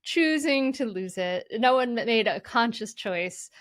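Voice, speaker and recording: A woman guest explaining mindful parenting in an earnest, gentle way, often saying "you know". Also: a little high, animated, a little slow, no echo, clean studio sound. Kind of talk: conversational explanation.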